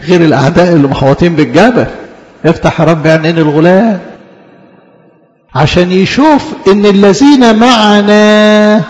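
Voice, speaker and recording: A man with an Egyptian Arabic accent preaching a sermon as a priest, animated, stretching key words and laughing softly. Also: high voice, moderate pace, long pauses, long reverb tail, rough recording.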